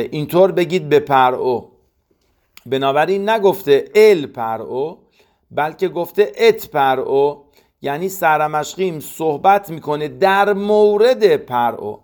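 A man giving a verse-by-verse Torah commentary lesson, reading Hebrew lines and explaining them slowly. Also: a little high, darkish tone. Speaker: Torah teacher.

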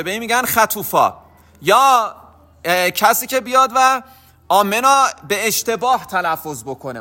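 Man, religious teacher, high bright voice, patient explainer. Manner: explanatory, patient, repeats key points. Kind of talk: religious lesson.

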